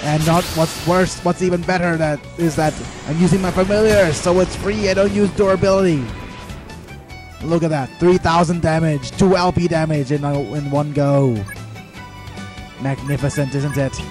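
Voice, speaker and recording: A man thinking aloud over his video game in a rambling let's play commentary, full of fillers and pauses. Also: fairly high pitch, steady tone, over music.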